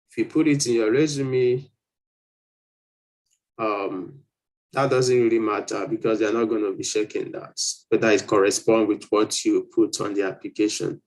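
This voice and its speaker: A man with a fairly low, darkish voice hosts an informal live Q&A for applicants, reading their questions aloud and giving advice. He explains things and often rephrases his points, and the recording quality is rough.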